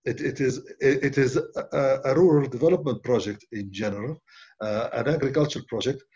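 An older man answering as a panelist on a webinar, halting with many uh fillers, over a laptop video call. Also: medium pitch, a little mellow, husky. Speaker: panelist, development bank official. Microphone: laptop webcam video call. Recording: muffled video-call audio.

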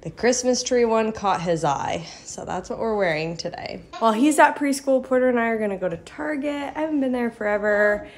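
Brisk and animated, with barely a pause, a young American woman with a fairly high voice chats for her mom vlog. She's filming on a phone at arm's length in her living room and kitchen, with household noise clearly audible.

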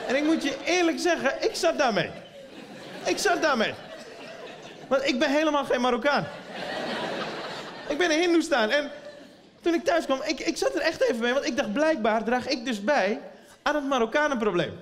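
A man performing a stand-up comedy routine, telling a story in an animated way and acting out the voices. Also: extremely high pitch, moderate pace, long pauses, a crowd in the background. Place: theater stage with audience. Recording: live theater recording with long reverb and audience noise.

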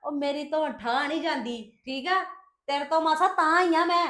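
A woman's voice: high-pitched, normal speed, a bit bright. A woman acting a scheming young wife in a family skit, talking in a taunting, scolding way. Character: scheming young wife Pooja, boastful and sharp-tongued. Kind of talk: scripted family drama.

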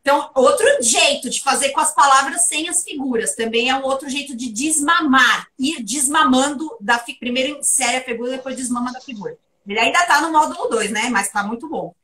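A woman giving a private English lesson, lively and playful as she runs question drills. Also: high voice, fairly quick, few pauses, recorded from a distance, slight background noise. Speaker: English teacher.

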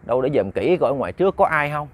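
A man voicing an old village wife who asks soft, worried questions. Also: medium pitch, big pitch swings, fast. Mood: puzzled.

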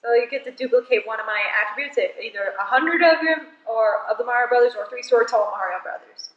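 A woman's voice: on the high side, fast, dull audio. A young woman hosting a casual card game at home, giggly and rambling as she explains the rules. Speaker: host of a card game video. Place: home living room. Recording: echoey room, mic at a distance.

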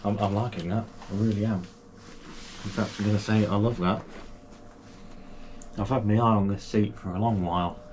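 A man from the United Kingdom, host of a kayaking channel, does a casual product unboxing indoors in his small home gaming room. His lowish, slightly mellow voice keeps a steady tone at normal speed with long pauses, and his chatty enthusiasm comes with many fillers and restarts. There's a little hiss or hum.

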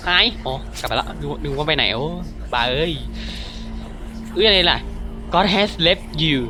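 Bright, excitable man playing a horror game. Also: fairly high pitch, normal speed, soft background music. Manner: excitable, swears freely, jumpy reactions. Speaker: gaming YouTuber. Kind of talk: casual horror game commentary.

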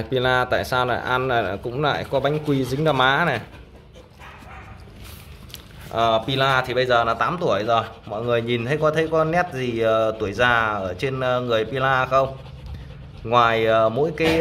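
A man's voice: mid-range voice, a bit bright. A man chatting casually to his pet dogs and to viewers, coaxing them and calling out short commands, recorded on a handheld phone in a room at home. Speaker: dog owner and vlogger. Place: indoor tiled room at home. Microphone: handheld phone behind the camera. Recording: home phone recording with clear background noise.

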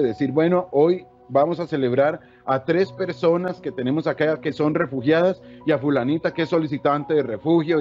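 A man's voice: medium pitch, lo-fi sound. A man with a Costa Rican accent giving an explanatory talk to teachers, often adding tag questions. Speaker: education official giving a talk. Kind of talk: presentation to teachers.

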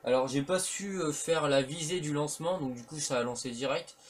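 A man's voice: fairly high pitch, a little fast. Rambling man commenting on a game. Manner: rambling, hesitant, filler-heavy, casual slang. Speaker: let's play commentator. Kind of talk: casual gameplay commentary. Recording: faint background noise.

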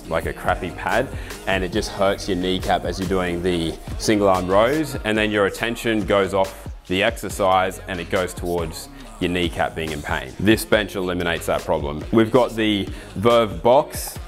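A man in his thirties with an Australian accent, giving a relaxed, enthusiastic walkthrough of his garage home gym. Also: deep voice, normal speed, soft background music. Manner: relaxed, enthusiastic, explains with asides. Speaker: fitness ambassador giving a gym tour. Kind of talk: casual walkthrough to camera. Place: home garage gym with roller door, indoors.

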